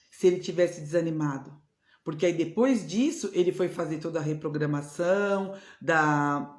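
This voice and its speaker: A woman's voice: fairly low pitch, darkish tone. Earnest Brazilian woman teaching in a roomy space. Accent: Brazilian Portuguese. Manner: earnest, repetitive, tag questions. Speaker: spiritual mentor. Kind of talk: devotional teaching talk. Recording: roomy echo.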